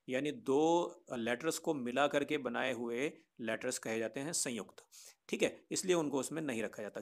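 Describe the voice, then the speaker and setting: A man teaching a grammar lesson, patiently explaining to children and often asking rhetorical questions. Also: mid-range voice. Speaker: Sanskrit teacher.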